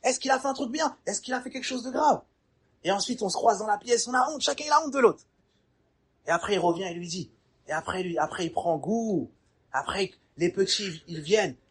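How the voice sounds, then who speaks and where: A middle-aged man preaching a lively sermon, acting out little scenes and asking the crowd questions. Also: high voice, fairly quick, husky.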